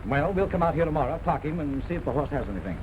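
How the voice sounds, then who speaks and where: An actor playing a scornful, skeptical racing stable owner in an old film. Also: male voice, a little high, big pitch swings, very fast. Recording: noisy 1940 film soundtrack.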